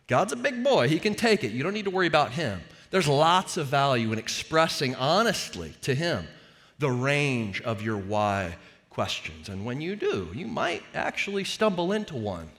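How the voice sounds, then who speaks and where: A man's voice: medium pitch, a bit bright, in a large hall. A male pastor giving a sermon in an earnest, conversational way, speaking to a church congregation. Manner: earnest, conversational preaching with varied emphasis. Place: church sanctuary.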